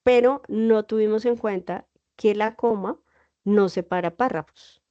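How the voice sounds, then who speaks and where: A woman's voice: mid-range voice, measured pace, warm tone. A woman teacher giving an online class, explaining patiently and checking in with her students. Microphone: computer mic on a video call. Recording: dull lo-fi video call audio.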